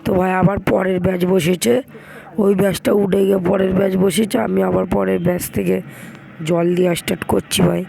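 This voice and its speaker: A hoarse young man, chatting casually to viewers as he vlogs and calls them brother. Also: high-pitched, level tone, moderate pace, dark tone, poor audio. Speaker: vlogger. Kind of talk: casual vlog narration.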